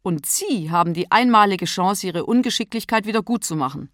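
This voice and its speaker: A woman voicing a calm, formal, bearded Santa Claus in a storybook reading, unruffled and matter-of-fact. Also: medium pitch, fairly quick, dry recording, studio quality, natural voice.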